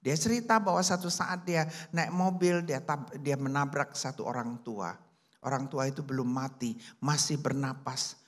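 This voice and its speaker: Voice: mid-range voice, normal speed. A preacher telling a story in a sermon, acting out the people he quotes. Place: church service.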